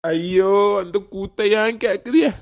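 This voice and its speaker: A woman's voice: mid-range voice, expressive, measured pace, a little mellow. A woman voicing a bossy older village woman, giving orders and scolding. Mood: alarmed. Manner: commanding, scolding.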